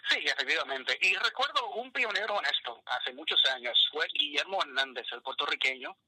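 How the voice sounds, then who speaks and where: A man co-hosting a baseball radio show, telling anecdotes in a lively commentator's manner. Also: fairly high pitch, a little fast, very noisy. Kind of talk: radio sports talk.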